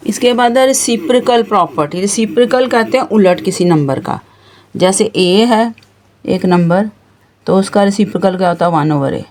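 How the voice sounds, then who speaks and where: A woman's voice: mid-range voice, moderate pace, a little mellow. A woman with a Pakistani Urdu accent teaching a math lesson, patiently explaining each step and pointing at the board as she goes. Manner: patient, stepwise explanation with frequent pointing words.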